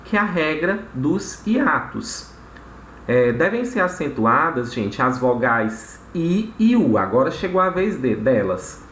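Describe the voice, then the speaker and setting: A man's voice: fairly high pitch, big pitch swings, slow, fairly bright tone. Man, teacher, explanatory, frequent tag questions, echoey room, faint background noise. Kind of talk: recorded grammar lesson.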